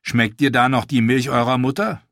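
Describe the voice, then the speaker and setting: A man's voice: mid-range voice, lively intonation, brisk, fairly bright tone, no room sound, pitched above the performer's own voice. A swaggering sellsword, scornful and taunting, read by a male audiobook narrator. It is close to the reader's own voice and recorded dry and close, with no room sound.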